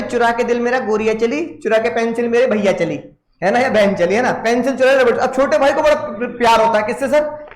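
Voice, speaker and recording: An Indian man lecturing a class, telling a comic story and acting out voices along the way. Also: extremely high pitch. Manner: playful, acts out voices in stories. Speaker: teacher. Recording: echoey classroom.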